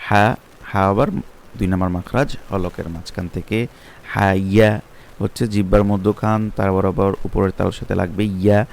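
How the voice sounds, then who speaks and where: A man with a Bangladeshi Bengali accent teaching Quran recitation step by step, spelling out letters and vowel marks, then chanting words slowly and drawn out. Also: fairly low pitch, gravelly, darkish tone.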